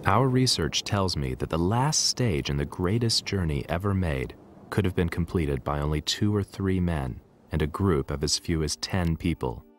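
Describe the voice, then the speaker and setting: A man presenting and narrating a documentary in a measured, earnest way. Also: low voice, animated, a little hiss or hum. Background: music.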